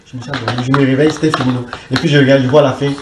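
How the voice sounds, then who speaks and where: Fast-talking man in an echoey, noisy room. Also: mid-range voice. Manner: animated, with frequent repeats and restarts. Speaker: guest giving a religious testimony. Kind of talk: conversational storytelling. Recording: echoey room with loud background noise.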